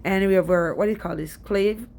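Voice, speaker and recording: Slight background noise sits behind a young Jamaican woman's darkish, mid-range voice as she narrates her garden in a casual, wandering way. A DIY gardening vlogger, she chatters quickly, stuffy and short of breath.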